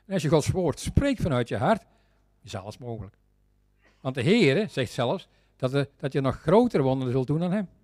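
A man with a Flemish accent preaching a sermon, fervent and repetitive, swinging between loud exclamations and quiet, intense stretches. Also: a little high, no room sound, studio quality.

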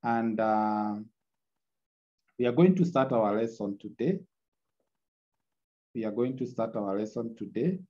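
Guy lecturing on a video call, screen recording, dark mellow voice, kinda dull lo-fi sound. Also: on the low side, lively intonation, a little slow, long pauses. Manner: repetitive, checks in with tag "eh?". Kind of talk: online class lecture.

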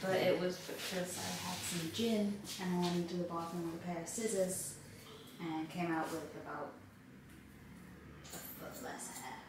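A woman's voice: fairly low pitch, flat delivery, normal speed, pauses often. Joking young woman in an echoey shop. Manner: joking, playful. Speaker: customer. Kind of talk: casual chat. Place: small barbershop by a street window. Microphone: far camera. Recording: very echoey room, mic far off, noisy.

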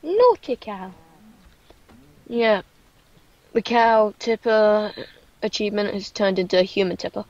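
A young woman chatting excitably as she hosts a casual gameplay let's play. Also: medium pitch, a little slow, pauses often, dry recording. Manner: chatty, excitable, sing-song chanting. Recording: dull lo-fi mic.

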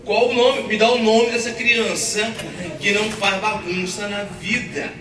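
A man from Brazil, a pastor preaching a sermon, animated and laughing as he acts out family stories. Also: high voice, a little slow. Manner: animated storyteller acting out family scenes, laughing often. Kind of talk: sermon with storytelling. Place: church hall. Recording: echoey church hall from far off, noisy.

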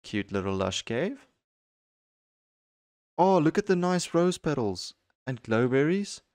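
Excitable young man doing game commentary. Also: slow, dry recording, clean studio sound. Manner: excitable, jumps into high squeals when thrilled. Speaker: gaming channel host. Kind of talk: let's-play commentary.

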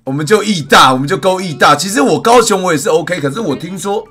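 A live streamer, a man whose bright, slightly husky voice swings widely as he rants. He tosses in English phrases between bursts of loud complaint, with faint music behind him. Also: sits high, fast talker. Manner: animated, mixes English phrases, ranting loudly. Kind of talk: casual livestream chat.

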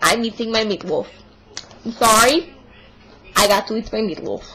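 A woman's voice: fairly high pitch, moderate pace, bright, forceful tone, husky, full character voice. A young woman performing a comic monologue as a stubborn young Russian woman, with a put-on Russian accent and broken English. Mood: indignant. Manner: broken English, dropped articles, exaggerated complaining. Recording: noisy home video recording.

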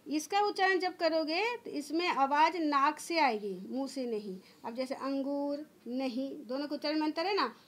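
A woman school teacher giving an online grammar lesson to children, patiently explaining step by step and answering her own questions. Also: high-pitched. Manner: drawn-out demonstration sounds.

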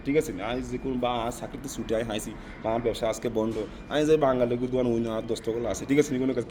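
A man's voice: mid-range voice, a little mellow, a little hiss or hum. A man from South Africa answering interview questions in Bengali with a non-native Noakhali dialect accent, rambling and often asking "right?".

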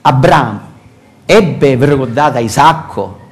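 Captured by a far-off camera, an older man speaks slowly at medium pitch while delivering a sermon as pastor in a church hall. He has a Sicilian Italian accent and an animated delivery loaded with rhetorical questions.

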